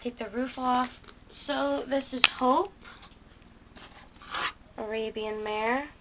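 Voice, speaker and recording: Here the girl's high voice stays steady as she slowly shows off her homemade model horse stable for one of her toy barn videos, full of ums and corrections to herself. It's casual and hesitant, filmed indoors on a handheld camera close to the toys, with a noisy background.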